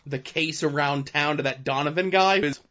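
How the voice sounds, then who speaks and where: Bright-voiced man chatting about comics. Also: on the high side, unhurried, highs cut off. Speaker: comic book podcast co-host. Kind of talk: casual chat reviewing comics.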